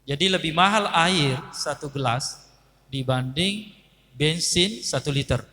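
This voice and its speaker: A man's voice: on the high side, unhurried, pushed and bright, big-room sound. A man giving a sermon to a live audience, telling a story and acting out its dialogue while addressing listeners directly. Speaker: preacher.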